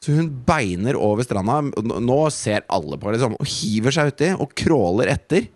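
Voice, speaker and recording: A man's voice: medium pitch, lively intonation, darkish tone, no room sound. A man, co-hosting a podcast and telling a story in an indignant, profane way. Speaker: podcast co-host. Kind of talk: casual chat.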